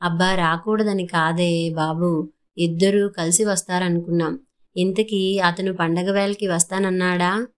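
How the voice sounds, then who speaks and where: Storybook role: fretful middle-aged mother, slow, low and flat, read by a woman. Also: clean tone, close to an everyday voice. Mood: anxious. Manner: anxious, pleading. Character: worried middle-aged mother of modest means.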